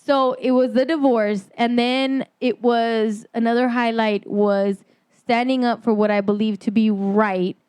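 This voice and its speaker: A woman's voice: fairly high pitch, fairly even intonation, measured pace, darkish tone, clean tone, no room sound, clean studio sound. A woman around forty hosting a casual podcast chat, telling stories with laughs and animation. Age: 40s. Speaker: podcast host.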